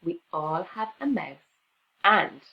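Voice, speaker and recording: A woman reading a rhyming picture book aloud to children in an expressive, sing-song teacher's way. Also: lowish voice, takes it slowly, creaky, dull audio.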